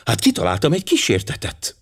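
A man voicing a pert young French lady's maid with a French accent, coy and excitable. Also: mid-range voice, creaky, slightly rough, heavily acted.

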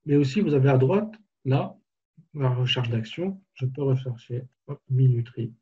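A man giving a live software tutorial webinar, casually explaining each step as he clicks through it. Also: mid-range voice, expressive, moderate pace, slightly rough, dull audio. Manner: casual, explanatory, walks through steps on screen. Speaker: software trainer.

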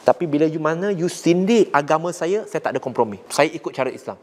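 A man with a Malaysian accent preaching to young people, blunt and forceful, mixing languages and rising sharply to drive points home. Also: fairly high pitch, lively intonation, quick pace. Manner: rises sharply when making a point. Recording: long hall reverb.

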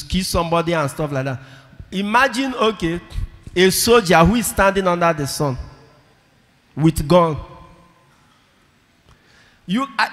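Emphatic priest preaching in a church. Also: male voice, high-pitched, bright, forceful tone. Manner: emphatic, repeats key phrases, calls for audience responses. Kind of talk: sermon. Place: large church with congregation. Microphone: handheld microphone. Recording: long church reverb.

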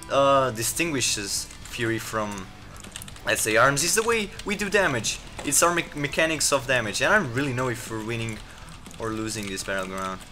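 Speaking in a mid-range voice, this man provides running commentary on his own gameplay, getting excited at the action. His talk wanders, full of filler words and false starts.

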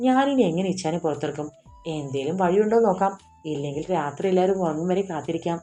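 A woman's voice: lowish voice, lively intonation, fast, mellow, faint music behind, close to an everyday voice. A woman voicing an anxious young heroine in a storybook romance, urgent and pleading.

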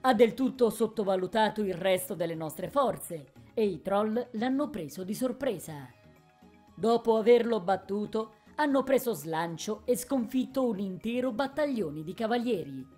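Calm, proud warband commander woman, steady and mid-pitched, fantasy story, played by the reader. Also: normal speed, soft background music, lightly acted.

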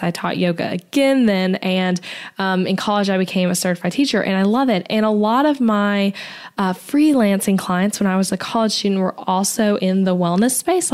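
A young adult woman, a web designer, hosts her own solo podcast, chatting upbeat while her voice recovers from being sick. Her voice is medium-pitched and a little mellow.

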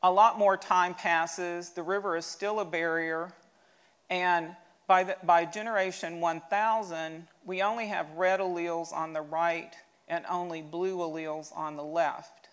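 A woman's voice: on the low side, a little slow, smooth. Woman curator explaining slides. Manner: steady explanatory pace with occasional restarts. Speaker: museum curator giving a lecture. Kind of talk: slide lecture.

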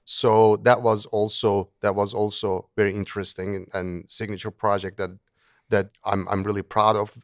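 In a clean studio recording with no echo, a Turkish engineering professor in middle age answers interview questions earnestly. His voice is fairly low, clear, and resonant, with little pitch movement and a moderate pace, and he frequently restarts and repeats words.

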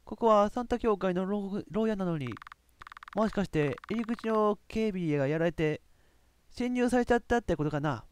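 A woman voicing a timid, earnest young game heroine, reading her lines in a soft, hushed imitation of a male partner. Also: medium pitch, lively intonation, normal speed, a little hiss or hum, pitched below the performer's own voice, close to an everyday voice. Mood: worried.

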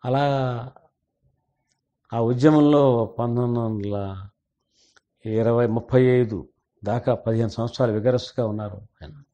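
A man's voice: mid-range voice, fairly even intonation, a little slow, long pauses, mellow, lo-fi sound. An older man and senior journalist, earnestly telling a family story in an interview and mixing in English words.

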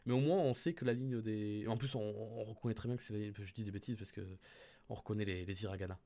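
A man's voice: lowish voice, fairly even intonation, fast talker, dark tone. A man joining a livestream lesson as a student, thinking aloud and correcting himself. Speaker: co-host student. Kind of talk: casual chat.

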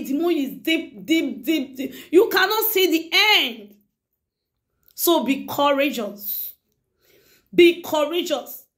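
Middle-aged woman, high voice, emphatic and preachy YouTuber monologue with lots of repetition. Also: fairly bright tone. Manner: emphatic and preachy, repeats phrases. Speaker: YouTuber addressing her viewers. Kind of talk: casual monologue to camera.

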